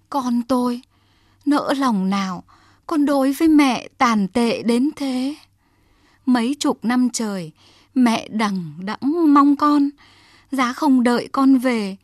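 A woman's voice: on the high side, lively intonation, takes it slowly, a little mellow, no room sound, studio quality. A woman voicing a poor old mother in rags who pleads and laments, in a storybook tale. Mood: pleading. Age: older. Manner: pleading, tearful, then solemn cursing. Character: poor old ragged mother, grieving and bitter.

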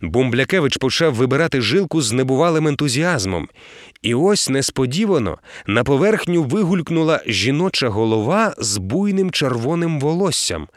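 A man narrating an audiobook in an expressive storytelling way. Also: medium pitch, no echo, clean studio sound. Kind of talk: scripted narration.

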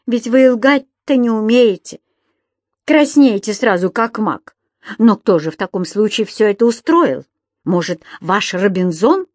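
A woman voicing a stern middle-aged landlady who scolds with shrill outbursts. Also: animated, a little slow, darkish tone, no echo, studio quality. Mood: thoughtful.

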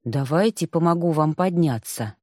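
A woman reading an audiobook, voicing a frightened young witch in a large man's body, speaking low, pleading and apologetic. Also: animated, normal speed, darkish tone, no echo, studio quality. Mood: flustered.

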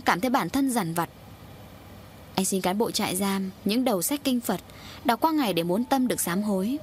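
A woman narrating a horror audiobook in a steady, grave storytelling manner. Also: mid-range voice, a little hiss or hum.

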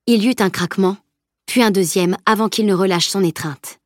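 A woman's voice: medium pitch, fairly quick, no echo. Woman narrating an audiobook, dry.

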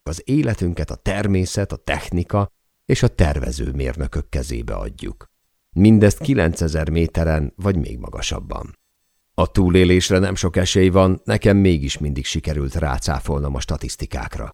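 A man reading a first-person memoir aloud as an audiobook narrator, in a measured, deliberate way. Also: rumbling low, big pitch swings, vocal fry, a little mellow, dry recording, clean studio sound.

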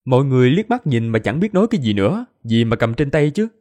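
Expressive male audiobook narrator, warm tone. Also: medium pitch, fast. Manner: expressive storytelling, voices all characters.

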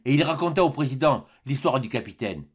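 A man reading a classic adventure novel aloud in a measured, dramatic storybook narration. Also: medium pitch, animated, slightly rough. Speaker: audiobook reader.

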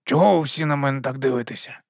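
A man voicing a shifty, grubby watchman in an audiobook, speaking in a low, hushed mutter. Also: fairly quick, gravelly, no echo, studio quality.

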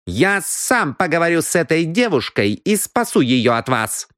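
Composed young gentleman, cold and firm, male reader, dry close sound. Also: a little high, big pitch swings, unhurried, no echo, pitched above the performer's own voice. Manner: cool, firm.

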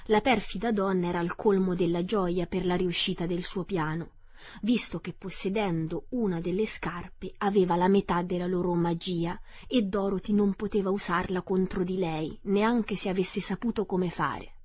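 A woman narrating a storybook for radio in a measured, expressive way. Her voice is husky and breathy, recorded close and bone-dry with no room sound. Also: on the low side, dry recording. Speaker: audiobook reader.

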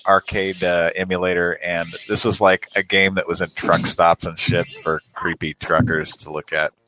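A man's voice: low-pitched, level tone, normal speed, pushed and bright, slight background noise, poor audio. A man co-hosting a live stream, casual and crude, laughing often as he rambles. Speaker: co-host.

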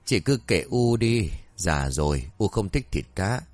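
A man voicing an elderly village mother in a spoken story, with low, easygoing grandmotherly talk. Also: sing-song, unhurried, a little mellow, dry recording. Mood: homely.

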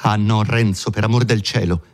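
A man's voice: sits low, unhurried, a little mellow. A man reading the part of a timid, devout young village bride who speaks in an earnest, pleading way, in an audiobook of a classic novel.

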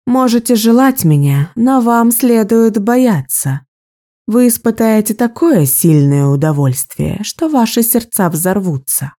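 Man doing a young sorceress: high, dark-toned, icy and menacing. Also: expressive, a little slow. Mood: icy menace.

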